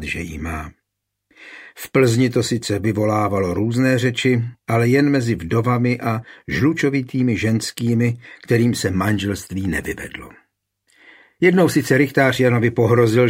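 A man reading a historical novel aloud in a calm, measured narration. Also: fairly low pitch, slightly rough. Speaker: audiobook narrator. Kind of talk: scripted narration.

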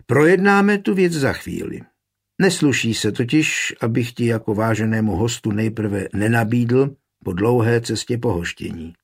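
A man reading an audiobook, voicing a greedy, hot-tempered young knight who shouts and threatens. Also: mid-range voice, gravelly, husky. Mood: hasty. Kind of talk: audiobook character voice.

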